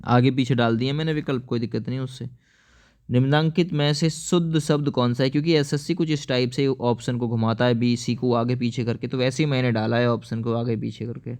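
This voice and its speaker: A man's voice: medium pitch, steady tone, fairly quick, darkish tone. A man teaching an exam-prep lesson, explaining each answer step by step and often asking viewers to answer.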